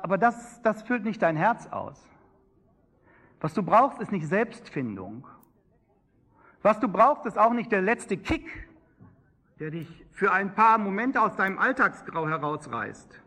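High-voiced German preacher. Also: male voice, fairly bright tone, husky. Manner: emphatic, rising and falling preaching cadence. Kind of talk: sermon.

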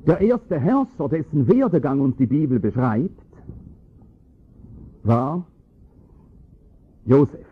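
A man preaching a sermon, explaining scripture with emphatic, rising stress on key points and a husky voice. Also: mid-range voice, animated, slow pace, pauses often. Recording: tinny phone-like lo-fi recording.

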